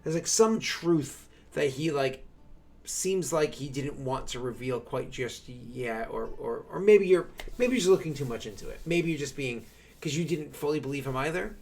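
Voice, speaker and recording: A man's voice: mid-range voice, normal speed, creaky, darkish tone. Chatty man running a tabletop game. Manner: chatty, rambling, conversational asides. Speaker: game master. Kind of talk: improvised tabletop game narration.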